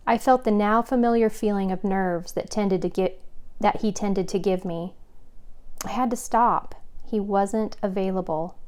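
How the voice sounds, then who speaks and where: A woman, the author, reading her own mystery novel aloud in first person, with clear, expressive storytelling. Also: mid-range voice. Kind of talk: audiobook narration in first person.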